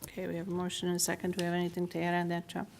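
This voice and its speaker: A woman chairing a committee meeting, reading out agenda items and motions formally in a flat minutes-reading manner. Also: lowish voice, very fast, creaky, slight background noise.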